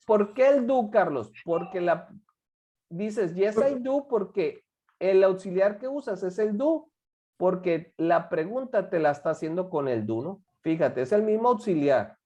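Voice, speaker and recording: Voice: mid-range voice, animated, measured pace, dark tone. An English teacher giving a classroom lesson, repeating and acting out example phrases. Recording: dull lo-fi recording.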